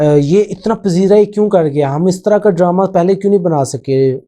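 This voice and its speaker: This is a channel host's casual spoken commentary, loose and unscripted. His voice is pitched somewhat high but sounds deeply mellow and easy. He wanders along with many hesitations, sprinkling in English phrases.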